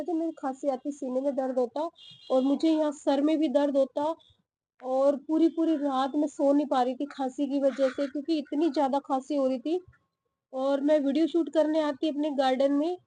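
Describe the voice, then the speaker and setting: A young woman vlogging from her garden, short of breath and talking slowly with pauses. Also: high-pitched, dark tone. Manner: slow, breathy-paced talk with pauses. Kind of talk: casual vlog talk to camera. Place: home garden outdoors.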